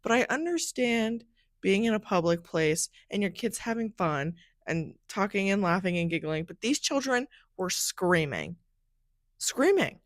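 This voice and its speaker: A woman's voice: medium pitch, expressive, normal speed, no echo. Chatty young woman podcast host, dry sound. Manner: chatty, fills speech with "like". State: groggy from a recent nap. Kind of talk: casual solo storytelling chat.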